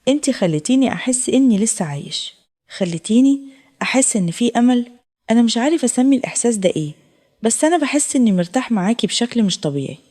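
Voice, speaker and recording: A woman with an Egyptian accent voicing a lonely, kind older widower who speaks softly and earnestly. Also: very high voice, very animated, very fast, heavily acted. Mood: tender. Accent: Egyptian Arabic.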